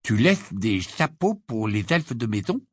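A man's voice: medium pitch, normal speed, slightly rough, no echo, clean studio sound, close to an everyday voice. A man voicing a stubborn teenage boy wizard who mutters and flares up in anger. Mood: grumbling.

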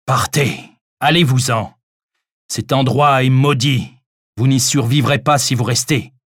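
A man voicing a frightened, hostile recluse who shouts threats and warnings through a door in an audiobook. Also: mid-range voice, measured pace, breathy edge, no echo, studio quality, voice pushed up.

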